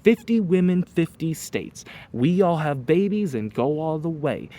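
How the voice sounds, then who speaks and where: A man's voice: on the high side, expressive, a little slow, warm tone. Man in a boastful, profane rant. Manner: grandiose, profane, half-rapping in rhymes.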